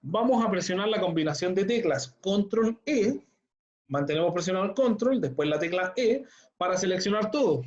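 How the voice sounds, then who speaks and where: A man's voice: high voice, lively intonation, normal speed. A man, a teacher giving an online class tutorial and explaining each step patiently while checking in with his students. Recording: dull lo-fi computer audio.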